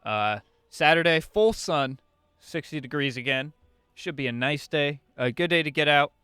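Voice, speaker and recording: A young man co-hosting a comedic radio talk show, playful and full of halting fillers and restarts, speaking into a studio microphone. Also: a little high, bright, forceful tone, clean tone, dry recording.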